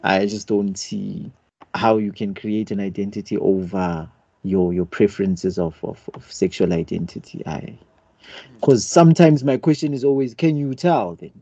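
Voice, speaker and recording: Husky dark-voiced man. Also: fairly low pitch, steady tone, moderate pace, no echo. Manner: hesitant, searching for words, argumentative. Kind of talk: casual debate.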